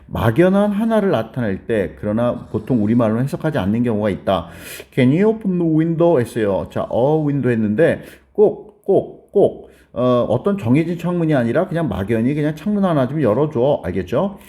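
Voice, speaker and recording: A man's voice: big pitch swings, a little fast, hardly any pauses, warm tone. A man teaching a basic grammar lesson, explaining step by step and often checking whether the class has followed. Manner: explains step by step, keeps asking "got it?"; acts out a student's question in a higher voice.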